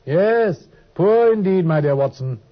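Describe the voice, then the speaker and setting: Heard through a dull, husky vintage radio recording, a man with a high, expressive voice speaks at a measured pace. He's an actor in a 1950s radio drama, playing a brilliant, aloof detective who drawls, teases, and lectures with a wry air.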